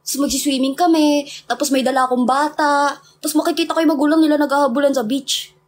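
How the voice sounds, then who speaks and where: Young Filipino woman livestream host, high voice, chatty and giggly, casual storytelling. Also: fairly even intonation, quick pace. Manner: chatty, laughing, mixing English into Tagalog. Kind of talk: casual chat with viewers.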